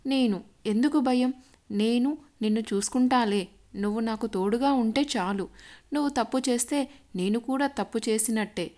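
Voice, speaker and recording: A woman's voice: a little high, normal speed, a little mellow, lightly acted. A woman reading as a tender young fiancé. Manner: affectionate, playful, earnest.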